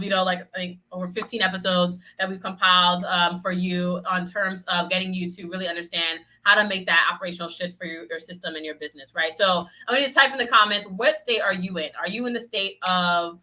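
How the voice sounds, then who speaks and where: A woman coaching business owners in a quick, lively talk, tagging her points with "right?" as she goes. Her voice is bright and forward, and she rattles along at a brisk clip. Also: on the low side, low-quality recording. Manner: upbeat, peppers sentences with "right?"; acts out little voices of clients. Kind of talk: motivational solo podcast talk.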